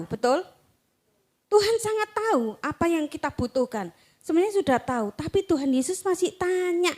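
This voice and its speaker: An Indonesian woman preacher who reads scripture slowly and emphatically, then retells the story in a chatty sermon style, acting out the quotes. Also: sits high. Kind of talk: sermon with Bible reading.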